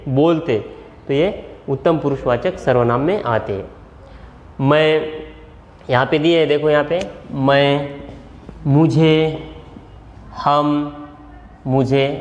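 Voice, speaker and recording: A male school teacher with a Marathi accent, giving a grammar lesson and repeating each example slowly, step by step. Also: a little high. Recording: echoey room with long reverb.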